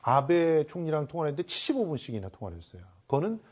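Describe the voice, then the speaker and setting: Mellow-voiced male political commentator. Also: fairly high pitch, sing-song, very fast. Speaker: panel commentator. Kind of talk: political analysis in a panel discussion.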